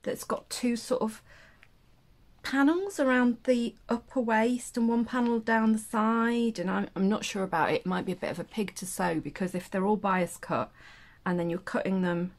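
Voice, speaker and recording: A woman's voice: a little high, normal speed. A woman sits in a chair at home, chatting casually as she goes through a sewing magazine. Her talk is loose and friendly, full of restarts and playful asides. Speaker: sewing vlogger reviewing a pattern magazine. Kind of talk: casual chat. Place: indoors at home, seated in a chair.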